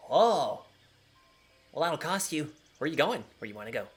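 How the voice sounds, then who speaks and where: A man's voice: on the high side, big pitch swings, moderate pace, slightly rough, voice pushed up. A man voicing a small, flighty female pixie-like skyport keeper in a tabletop game, impish, childlike, blunt and giggly. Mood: curious, perky.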